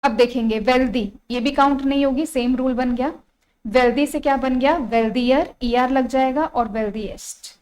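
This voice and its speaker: A woman with an Indian accent teaching an online English grammar lesson, repeating key phrases and spelling words out slowly. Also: sits high, steady tone, darkish tone, low-quality recording.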